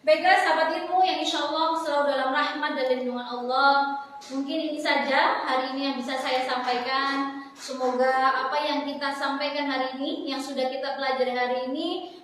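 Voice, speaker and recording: A woman teaching Quran recitation rules, chanting Arabic examples slowly and then correcting wrong readings in plain speech. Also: high voice, fairly bright tone, slight background noise. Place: foundation office classroom. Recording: echoey hall, far from mic.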